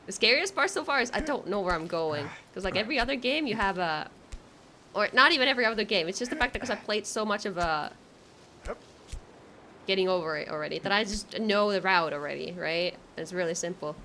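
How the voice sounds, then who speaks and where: A woman doing casual live game commentary for her stream chat, excitable and nervous, with giggles and exclamations. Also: mid-range voice, a little fast, slight background noise.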